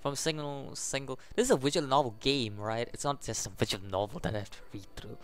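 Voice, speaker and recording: Quick-paced and clean-toned, a gaming channel host with a medium-pitched voice reads story text aloud with some stumbles. He throws in reactive commentary while faint game music plays.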